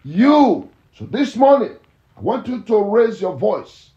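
A male pastor preaching a fervent morning sermon and prayer, repeating phrases and breaking into shouts. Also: high-pitched, sing-song, takes it slowly. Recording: echoey, dull lo-fi church recording.

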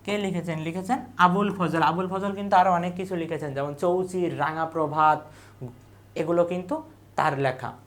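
A woman teaches an exam revision class, reading the options slowly in a list and repeating each answer. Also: on the low side, fairly even intonation. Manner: reads options in a slow, falling list, then repeats the answer.

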